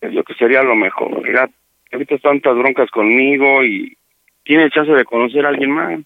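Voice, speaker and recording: A man's voice: mid-range voice, moderate pace, dry recording. A man with a Mexican accent making a prank phone call on a radio show, talking in a weary, blunt way as he presses a breakup. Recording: muffled radio broadcast audio.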